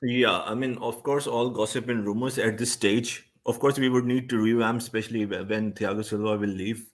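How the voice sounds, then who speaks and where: A man speaking as a guest pundit in a casual football discussion, giving his opinions in a measured, hesitant way. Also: on the low side, steady tone.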